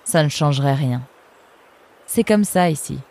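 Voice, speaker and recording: A woman's voice: low-pitched, animated, unhurried, warm tone. A woman voicing a tall tattooed female fox who talks in a blunt, offhand, cynical way in a storybook.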